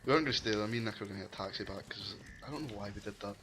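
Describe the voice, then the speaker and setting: A man's voice: on the low side, rapid-fire, noisy background. A Scottish man telling a story with lots of swearing and laughter over casual gaming chat. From Scotland. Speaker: gaming channel co-host.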